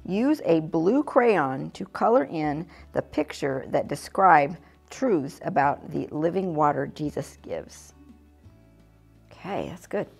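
A woman's voice: low voice, sing-song, takes it slowly, creaky, slightly rough, soft background music. A middle-aged American woman teaching a children's church lesson in a classroom, chatty and informal, with easy laughs. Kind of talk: casual teaching demonstration. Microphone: fixed camera, mid distance.

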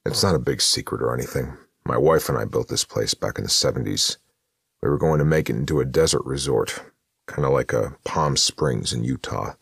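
A man voicing a quiet, reserved older widower who runs a motel, in an audiobook. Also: a bass voice, brisk, vocal fry, husky, dry recording, clean studio sound, full character voice. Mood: subdued. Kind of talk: audiobook narration.

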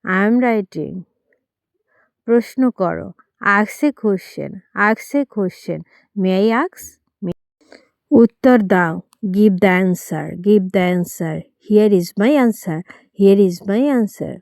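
A woman reads classroom phrases one at a time, first in Bengali and then twice in English, at a very slow, careful pace. Her voice is smooth and crisp. The recording is dry and close, with no room sound. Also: medium pitch, a little mellow, no room sound. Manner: reads each line in Bengali, then repeats it slowly in English. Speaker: English teacher. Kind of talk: slow repeated phrase drills for learners.

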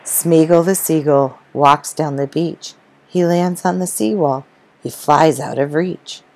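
A woman reading a rhyming children's story aloud in a gentle, rhythmic storytelling manner. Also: low voice, slow pace, dry recording, rough recording.

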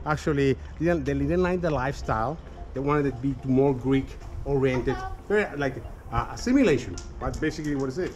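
A man's voice: mid-range voice, a little fast, darkish tone, soft background music, low-quality recording. Chatty man guiding a walking tour. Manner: chatty, addresses listeners as "guys", many "okay" and "right" tags; frequent restarts and small laughs. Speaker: tour guide. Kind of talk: casual guided-tour history talk. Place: outdoors on a city street.

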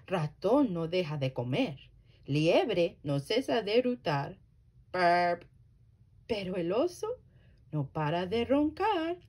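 A woman working as a library storyteller, reading a children's story aloud slowly and very expressively. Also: mid-range voice, big pitch swings, a little mellow, breathy edge.

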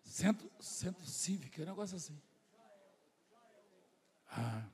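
A man from Brazil preaching a sermon to his church, slow and emphatic at times, quiet in his asides, and acting out people's voices when he tells stories. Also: high voice, expressive. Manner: slow emphatic preaching, swinging from loud declarations to soft asides. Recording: long hall reverb.

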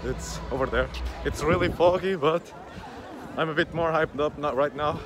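A man's voice: a little high, moderate pace, over music. A man in his twenties talking casually to camera, filming himself outdoors on a phone held at arm's length. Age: 20s. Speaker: vlogger. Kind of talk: casual vlog talk to camera. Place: outdoors by a road. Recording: noisy outdoor handheld phone recording.

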